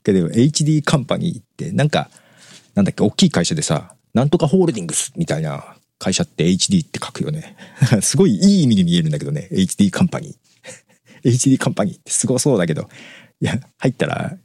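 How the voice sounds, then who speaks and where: A man's voice: lowish voice, very animated, very fast, warm tone, slightly rough, no room sound, studio quality. A man hosting a casual live-stream show, reading out listener messages in a chatty way and laughing often between remarks. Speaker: host.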